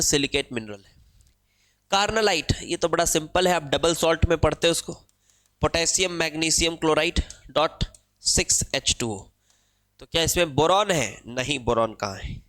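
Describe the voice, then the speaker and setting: A man's voice: fairly high pitch, a bit bright. An Indian man teaching an exam-prep chemistry lesson, explaining step by step and asking and answering his own questions. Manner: switches between Hindi and English phrases. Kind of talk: exam-prep problem-solving lecture.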